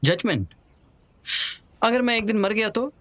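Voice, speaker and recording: A high, chatty young man, teasing and lively with his best friend. He talks a lot and jokes in this dubbed drama. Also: measured pace. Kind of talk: Hindi dub of a drama.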